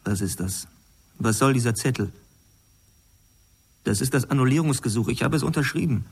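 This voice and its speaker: A man's voice: medium pitch, animated, moderate pace, a little mellow, breathy edge. An actor playing a haunted, guilt-ridden man who speaks tensely and sometimes whispers in dread in a radio drama. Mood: brooding. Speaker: lead character.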